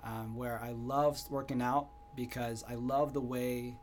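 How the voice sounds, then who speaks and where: Young american guy, thoughtful, lots of "you know", middle pitch. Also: flat delivery, unhurried, a little mellow, a little hiss or hum. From United States. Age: young adult. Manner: earnest, reflective, many "you know" fillers. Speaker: guest entrepreneur. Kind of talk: casual interview answers.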